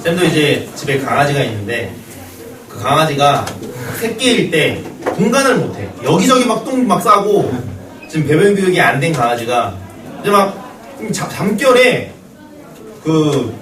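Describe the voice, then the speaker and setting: Male math teacher, slightly high, animated, banters with students, distant roomy sound. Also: normal speed, background noise. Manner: joking banter with students, storytelling. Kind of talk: classroom lecture. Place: classroom. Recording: roomy classroom echo, distant mic.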